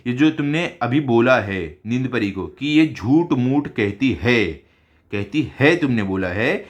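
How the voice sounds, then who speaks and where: A man teaching a school Hindi lesson, reading story lines slowly and then explaining them in simple words. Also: medium pitch.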